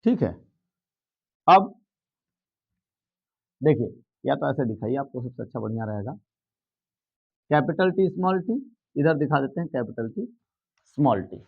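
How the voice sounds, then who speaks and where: A man's voice: mid-range voice, lively intonation, a little slow, creaky, long pauses, phone-quality sound. A man teaching a biology lesson at a board, explaining step by step and checking in with students. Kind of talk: blackboard lesson.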